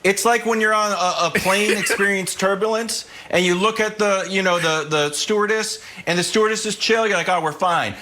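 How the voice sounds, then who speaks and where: A man's voice: high voice, fairly quick, hardly any pauses, a little hiss or hum. A man on a sports debate panel, talking animatedly and laughing as he jokes as the Patriots fan. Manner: animated, joking, laughing as he talks.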